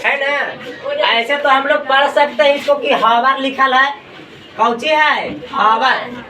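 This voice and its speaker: A man's voice: very high-pitched, takes it slowly, pushed and bright, a little hiss or hum. A male teacher leads a classroom lesson, asking and answering his own questions over and over. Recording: echoey room, mic far off. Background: students in the room.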